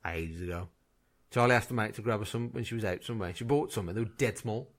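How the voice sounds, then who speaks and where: A man's voice: on the low side, fast talker. A man co-hosting a podcast, trading blunt, sweary banter and laughing often. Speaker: podcast co-host. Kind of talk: crude casual banter.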